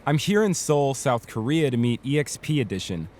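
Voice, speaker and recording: A man's voice: mid-range voice, sing-song, moderate pace, darkish tone, slight background noise. A male reporter narrating a documentary and chatting with his interviewees in an upbeat, friendly way. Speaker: host and reporter.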